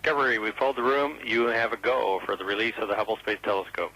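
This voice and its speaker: A man's voice: fairly low pitch, steady tone, pushed and bright, rough recording. A man making terse, procedural astronaut radio calls full of jargon, heard over a radio link. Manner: brisk, terse, uses jargon. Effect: radio transmission.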